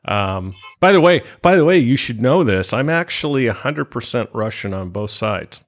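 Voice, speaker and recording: A man's voice: mid-range voice, lively intonation, moderate pace. A man with a Californian accent hosting a casual interview, often repeating his phrases in a joking way. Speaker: podcast host, interviewer.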